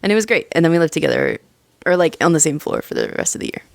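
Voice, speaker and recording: A young woman from Pennsylvania chats as a guest on a casual interview show. Her voice sits on the lower side, and she talks candidly with easy giggles. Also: huge pitch swings, very fast, creaky. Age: young adult.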